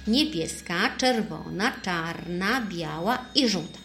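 Expressive woman reading a children's story. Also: fairly low pitch, takes it slowly, reverberant. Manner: lively, expressive.

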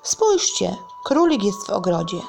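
A woman voicing a gentle, good-natured little bear in a children's story, speaking kindly and musing. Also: mid-range voice, sing-song, measured pace, gravelly, noisy background.

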